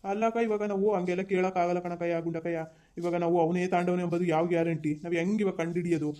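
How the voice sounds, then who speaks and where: A fed-up husband in a village family drama, played by a man, scolding. His voice sits a bit high yet sounds warm and mellow. He keeps it flat and even as the complaints pile up. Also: fast, lightly acted. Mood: upset. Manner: scolding, exasperated. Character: frustrated husband who lost his savings. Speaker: actor.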